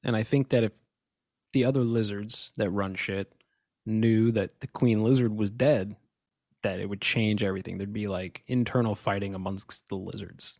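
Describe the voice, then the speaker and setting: A man's voice: on the low side, fairly even intonation, normal speed, gravelly, darkish tone, no echo, clean studio sound. A man co-hosting a casual podcast, talking in a rambling, emphatic way with lots of restarts and asides. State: has the hiccups. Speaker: podcast co-host. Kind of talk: casual conspiracy chat.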